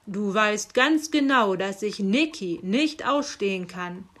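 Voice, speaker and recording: A woman's voice: mid-range voice, expressive, takes it slowly, a bit bright. A woman reading aloud and voicing a grumpy, stubborn old Saint Nicholas who grumbles. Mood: grumbling. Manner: gruff grumbling delivery.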